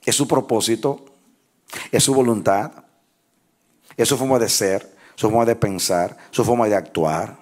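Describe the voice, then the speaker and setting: A man preaching a sermon as pastor, who leads his congregation in call-and-response and rises into shouted, half-sung phrases. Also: on the low side, measured pace, pauses often. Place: church with congregation.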